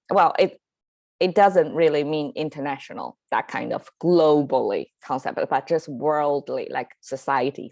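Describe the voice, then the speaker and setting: Low, gravelly woman with a Chinese accent. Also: dry recording. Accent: Mandarin Chinese. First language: Mandarin Chinese. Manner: conversational, with frequent fillers and self-corrections, occasional laughs. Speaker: Chinese language teacher and podcast host. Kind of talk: casual explanatory lesson.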